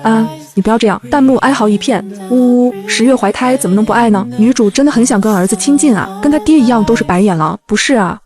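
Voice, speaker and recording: A woman narrates a comedic web novel in a lively, playful storytelling manner. Her delivery is rapid and her voice sits a little high, bright and quick. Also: soft background music. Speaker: audiobook narrator.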